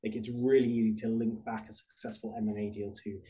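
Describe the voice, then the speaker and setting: A British man, a podcast guest, talking through his career in a relaxed, rambling conversational way. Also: fairly low pitch, quick pace, lo-fi sound. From United Kingdom. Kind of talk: conversational interview.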